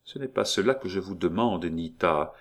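A man reading an audiobook, voicing a jealous, brooding young nobleman in a soft, hushed, pleading voice. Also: low voice, expressive, moderate pace.

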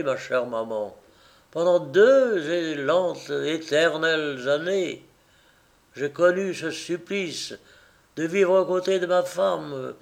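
Slow, mournful male audiobook narrator. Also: a little high, gravelly. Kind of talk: audiobook reading of a novel.

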